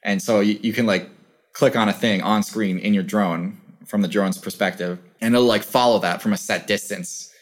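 A man's voice: lowish voice, steady tone, normal speed. A young man speaking as an interview guest over a video call, musing thoughtfully with lots of "like" fillers. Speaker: interview guest, channel creator. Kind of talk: casual conversational interview.

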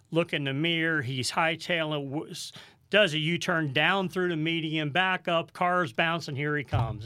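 Brief: animated host from St. Louis, bright and forceful, dry close sound, laughs through his stories. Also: fairly high pitch, clear, resonant tone, dry recording. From St. Louis area, USA. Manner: animated storyteller, laughs often. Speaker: podcast host. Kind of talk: casual storytelling chat.

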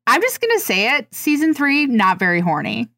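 A woman's voice: sits high, huge pitch swings, normal speed, pushed and bright, dry recording. A woman co-hosting a casual fan podcast, joking and playful in her delivery. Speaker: podcast co-host.

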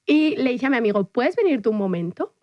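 A young woman, co-hosting a casual podcast and telling a story with animated acted-out quotes. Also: fairly quick, no echo, lo-fi sound. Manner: animated storyteller, acts out her own quotes in high squeals. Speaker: podcast co-host. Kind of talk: casual chat.

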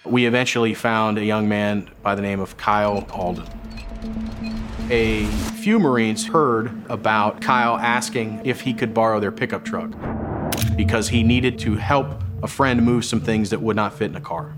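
Low-voiced male investigator in documentary interview. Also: moderate pace, music in the background. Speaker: investigator interviewed about a case.

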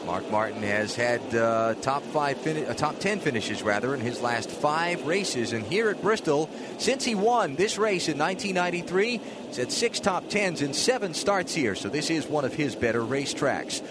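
A man's voice: a little high, lively intonation, normal speed. Male motorsport commentator anchoring over track noise. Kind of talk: live stock car race commentary. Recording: noisy trackside broadcast. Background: race track engine noise.

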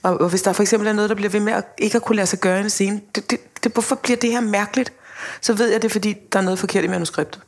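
A woman director talking casually on a podcast, animated, acting out quotes and laughing as she talks. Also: medium pitch. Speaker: film director, guest.

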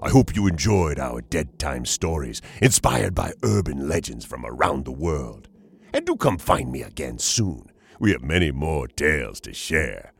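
An actor playing a sinister male horror host who signs off the tales with a husky, gravelly, drawn-out delivery. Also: very deep voice, very animated, no room sound, full character voice. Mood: gloating. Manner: relishing, mocking, drawn out. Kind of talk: scripted horror narration.

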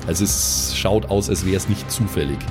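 A low-pitched man at normal speed improvises descriptive horror narration as a game master, feeling out his phrasing as he goes. Loud music plays behind his voice.

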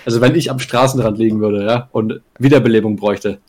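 Young male podcast co-host, rapid storyteller, slangy, giggles mid-line. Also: lowish voice, fairly even intonation, darkish tone. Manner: rambling, crude slang, laughs mid-sentence, many "ne?" tags. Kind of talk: casual storytelling chat.

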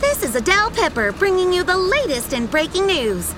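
Brief: over-the-top pepper reporter on scene, very high voice, loud background noise. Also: female voice, very animated, a little fast. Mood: dramatic. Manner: breathless, over-dramatic reporting. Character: dramatic female pepper news reporter.

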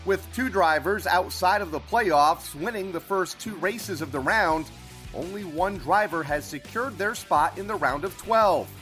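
Man, motorsport radio reporter, scripted narration, high pitch, faint music behind. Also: measured pace, fairly bright tone.

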